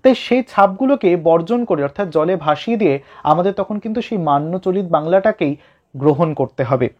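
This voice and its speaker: A man's voice: high voice, lively intonation, a little fast, highs cut off. A man teaching an exam-prep literature lesson, explaining a text line by line and speaking directly to his students.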